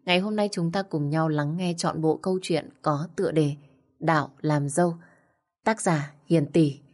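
A woman narrating a story in a soft, measured, quiet voice. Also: sits low, steady tone.

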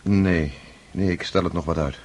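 In a radio drama, a man acts as Pierre, a pensive, absent-minded nobleman who speaks in a musing, hesitant way. His voice sits low with a darkish, steady tone at normal speed.

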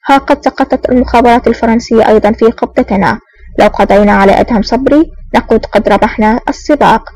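A woman's voice: fairly high pitch, fast, darkish tone, soft background music, close to an everyday voice, low-quality recording. A woman voicing a cruel, sneering older male villain agent in an audiobook, threatening and blunt. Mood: menacing.

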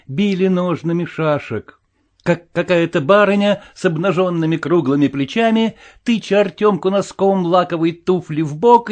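Expressive male audiobook narrator. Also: high-pitched. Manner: expressive, swinging between loud and hushed. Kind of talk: dramatic audiobook reading.

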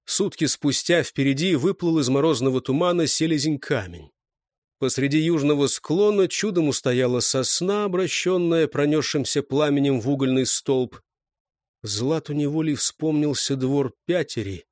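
Male audiobook narrator, higher voice, dry close studio sound. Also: darkish tone, dry recording. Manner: measured storytelling, acting out dialogue. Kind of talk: scripted narration.

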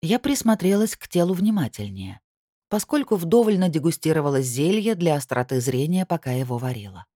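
A woman reading a first-person audiobook with an expressive, lively delivery. Her voice is low, and the recording is dry, close and studio-clean. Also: a little fast, no room sound. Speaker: narrator.

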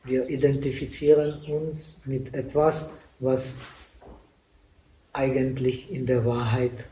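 A Buddhist monk gives a dharma talk in a roomy hall, picked up by a microphone set some distance away. His mellow voice stays flat and unhurried. He speaks halting, non-native German full of pauses and fillers. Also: mid-range voice, a little hiss or hum. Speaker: Buddhist monk teaching meditation. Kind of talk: dharma talk at a meditation retreat. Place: retreat meditation hall. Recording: echoey room, voice from a distant mic.

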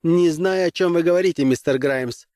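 A man's voice: a little high, normal speed, darkish tone, no echo, clean studio sound, pitched above the performer's own voice, lightly acted. A male audiobook reader voicing a stern middle-aged woman commissar who lectures in a cold, clipped way.

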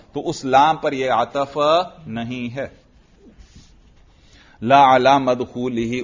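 A man teaching Arabic grammar in a classroom lecture, asking his students questions and answering them himself, reading Arabic text aloud and then explaining it. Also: medium pitch. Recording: dull lo-fi lecture recording.

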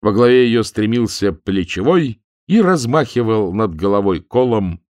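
A man narrating a humorous novel as an audiobook reader, with a wry, expressive storytelling manner. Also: fairly low pitch, unhurried, no room sound.

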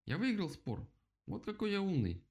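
A man voicing a loud, boastful, easily frightened male rabbit in a children's storybook, shrill and excitable. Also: normal speed. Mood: boastful shouting.

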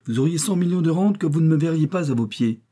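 A man's voice: on the high side, animated, fast, dark tone, pitched above the performer's own voice. A man playing a blunt, indignant country doctor. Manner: outspoken, exclaiming, swearing.

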